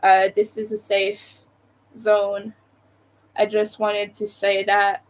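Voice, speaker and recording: Speaking slowly at a medium pitch in a completely flat delivery, this young woman from Quebec, Canada, has a Montreal accent. She rambles hesitantly with her live-stream viewers, using many fillers, and the recording quality is low.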